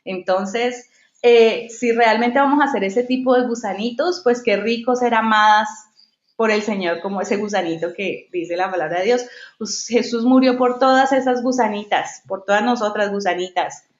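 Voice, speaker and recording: A woman's voice: on the high side, moderate pace. Woman, devotional Bible teacher, conversational storyteller; echoey, muffled recording. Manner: conversational, tells personal stories. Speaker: women's Bible study leader. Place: at home.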